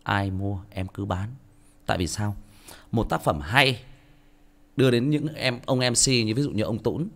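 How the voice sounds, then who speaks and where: A man's voice: lowish voice, measured pace, long pauses, a bit bright. A man with a Northern Vietnamese accent, an audiobook narrator talking bluntly and self-mockingly to his listeners in a casual monologue.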